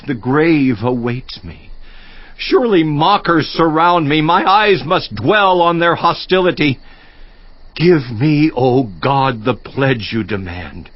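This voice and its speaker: Here the same lament comes from an actor with a mid-range voice, playing a worn-out, grieving righteous man who pleads with God in a despairing, anguished, stretched-out delivery for a dramatized scripture audiobook. The sound is dull lo-fi, recorded in an echoing room.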